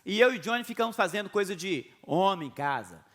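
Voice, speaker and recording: Bright high-voiced Brazilian pastor. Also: male voice, brisk. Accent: Brazilian Portuguese. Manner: animated storytelling with chuckles. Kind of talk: video sermon message.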